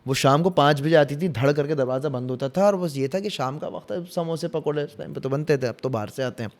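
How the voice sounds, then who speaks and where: A man with a Pakistani Urdu accent telling ghost stories as a podcast guest, animated and dramatic, dropping to hushed tones. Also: a little high, fast. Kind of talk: casual storytelling.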